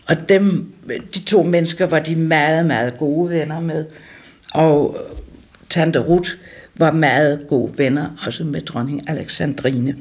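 An older woman reminiscing about her childhood, pausing and correcting herself as she talks. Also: sits low, steady tone, a little mellow, husky. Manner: halting, correcting herself mid-sentence. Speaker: storyteller recalling childhood. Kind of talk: casual reminiscing.

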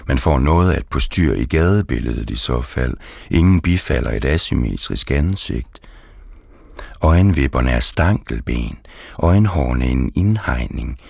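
A man reading his poetry aloud, slow and deliberate. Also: very deep voice, vocal fry, darkish tone, breathy edge, no room sound, clean studio sound.

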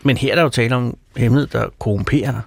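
Gravelly man asking short questions. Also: medium pitch, dry recording. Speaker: radio host. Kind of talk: casual interview chat.

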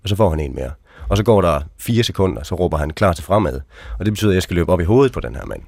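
Deep-voiced man telling war stories. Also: very animated, gravelly, darkish tone, no room sound, studio quality. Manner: frank, conversational, tags sentences with questioning asides. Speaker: interview guest, army veteran. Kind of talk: casual storytelling.

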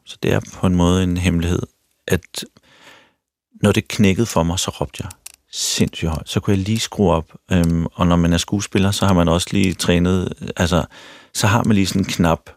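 A man's voice: deep voice, steady tone, darkish tone. A middle-aged actor and talk show host tells a personal story frankly and openly, often stopping to restart his sentences. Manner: frank, self-revealing, with repeated restarts.

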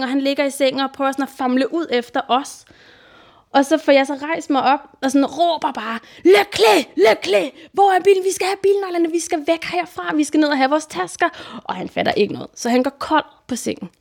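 A woman telling a personal story for radio, lively and swearing, acting out her own shouted lines. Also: high voice. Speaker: storyteller recounting a hitchhiking trip. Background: music under the voice.

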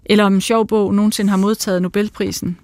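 A calm, slightly condescending man, read by a woman who teases in a dry, unruffled voice. The sound is close and dry. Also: mid-range voice, no room sound, close to an everyday voice.

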